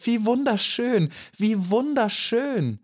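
A man's voice: a little high, huge pitch swings, moderate pace, breathy edge, pitched above the performer's own voice, heavily acted. A man voicing a young female bee in a storybook, small, earnest and brave, pleading at times and firm at others. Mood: eager.

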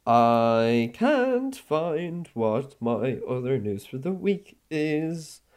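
A man's voice: medium pitch, big pitch swings, drawn-out words, a little mellow. Playful man co-hosting a chat. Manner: teasing, playful, laughs often. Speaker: podcast co-host. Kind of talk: casual chat.

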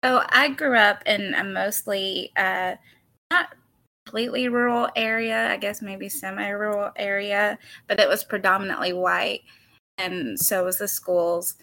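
A woman in her thirties, born in the Philippines, a podcast guest speaking hesitantly with pauses and ums. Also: mid-range voice, fairly even intonation, bright, forceful tone. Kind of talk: casual chat.

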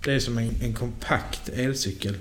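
A man co-hosting a casual true-crime podcast, calmly explaining and briefly agreeing. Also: mid-range voice, a little hiss or hum. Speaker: podcast co-host.

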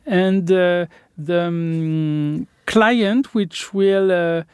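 A man's voice: high voice, very slow, a little mellow, clear, resonant tone, dry recording. A man with a French accent, an architect answering interview questions and searching for his words in English.

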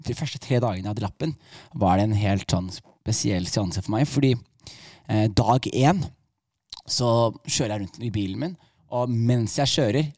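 A male comedian telling a comic story in an animated way, with wide swings in loudness and pitch. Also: no echo, clean studio sound. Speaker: comedian guest.

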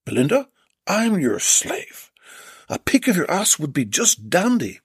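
In a full character voice for a comic storybook, the performer plays an apologetic, tallish male plumber, eager and earnestly fawning. The mid-range voice is very animated yet unhurried, with a breathy edge, and sits above the performer's natural pitch. The studio sound is clean, with no echo.

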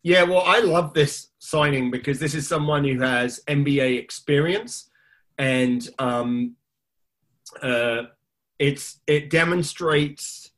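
A man's voice: fairly high pitch, slow pace, a bit bright. Hedging man co-hosting a casual chat. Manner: thoughtful, hedging with "you know" and "I mean". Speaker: podcast co-host.

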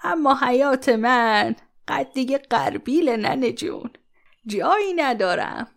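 A kind old village grandmother in a children's audio story, voiced by a woman, gravelly and a little high. She coaxes and soothes her guests in a motherly way. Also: animated. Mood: gentle. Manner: soothing, coaxing, calls everyone dear. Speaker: voice actor.

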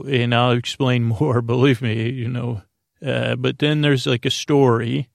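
A creaky, gravelly-voiced man hosts a bedtime podcast with a close, dry recording. He drones through a low-stakes, meandering monologue, speaking haltingly, often stammering, and stopping mid-thought to correct himself.

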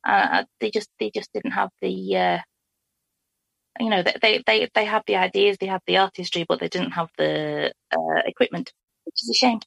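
A woman's voice: medium pitch, normal speed, vocal fry, fairly bright tone, slightly rough, no room sound. A woman from England co-hosting a casual podcast chat, jokey and rambling. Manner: chatty, jokey, rambling with fillers. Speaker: podcast co-host.

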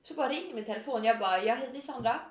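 A woman's voice: fairly high pitch, roomy sound. A woman in casual chat, telling a story animatedly and acting out what people said. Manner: animated storyteller, acts out quotes.

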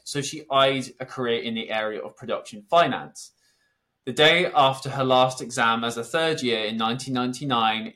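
A man's voice: mid-range voice, fairly bright tone. A man hosting a podcast, reading prepared introductions and putting interview questions to a guest. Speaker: podcast host.

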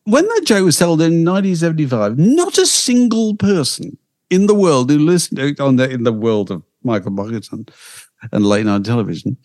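Male podcast co-host, animated pitch, chatty storyteller. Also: brisk. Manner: lively, chatty storytelling with restarts. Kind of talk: casual chat.

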